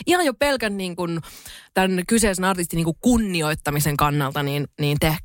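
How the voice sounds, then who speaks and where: A woman's voice: on the low side, expressive, dry recording, clean studio sound. A young woman co-hosting a podcast in casual chat, talking in a loose, chatty way with many fillers and some swearing. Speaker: podcast co-host.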